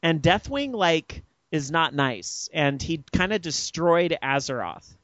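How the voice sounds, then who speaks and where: A chatty man hosting a casual gaming podcast, laughing easily as he reads out listener messages. His voice sits a little high for a man. The dry, close sound is dull and lo-fi. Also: animated, slow, fairly bright tone, dry recording. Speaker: podcast host.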